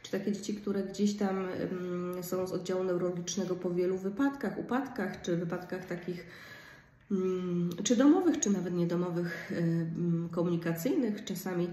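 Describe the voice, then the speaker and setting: A woman speech therapist explaining in an informal lecture, with frequent pauses and hesitation fillers. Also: on the low side, fairly even intonation, mellow. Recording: roomy, from a distance, faint background noise.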